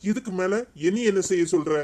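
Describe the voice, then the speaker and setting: A man's voice: high voice, a little fast, mellow, lightly acted. A man with a Tirunelveli Tamil accent voicing a concerned elder brother in a cartoon, talking earnestly and questioning.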